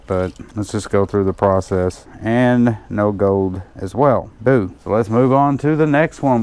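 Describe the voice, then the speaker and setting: A man's voice: lowish voice, a little mellow, smooth. A man hosting a gold panning channel, chatting casually and joking at his own expense as he works through a hands-on demonstration. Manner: chatty, joking self-mockery, talks while working. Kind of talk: casual hands-on demo vlog.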